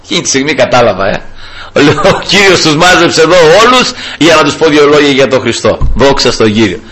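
A man's voice: a little high, animated, bright, forceful tone, breathy edge. A man preaching an evangelical sermon, fervently repeating "brothers" and "glory to the Lord" as he tells a personal story.

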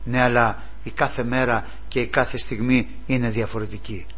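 A man preaching a sermon, impassioned, moving from loud cries to hushed pleading. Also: medium pitch, steady tone.

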